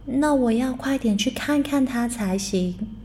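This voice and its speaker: A woman voicing an innocent, cheerful little girl in a bedtime storybook, speaking in an eager, high childlike voice. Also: a little slow, a little mellow, slight background noise, natural voice.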